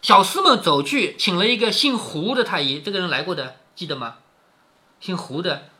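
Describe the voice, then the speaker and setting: A man's voice: sits high, lively intonation, normal speed, sharp tone. A man reading a classic novel aloud to his daughter, explaining each passage in chatty plain words and asking her questions as he goes. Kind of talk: storytelling with explanations.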